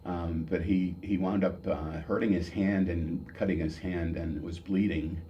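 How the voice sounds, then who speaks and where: An elderly American man in his seventies, an old veteran remembering his service days, telling stories off the cuff in a halting, reminiscing way with pauses and repeated words. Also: deep voice, fairly even intonation, highs cut off, slight background noise. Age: 70s. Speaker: military veteran giving an oral history. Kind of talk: old veteran remembering, unscripted personal storytelling.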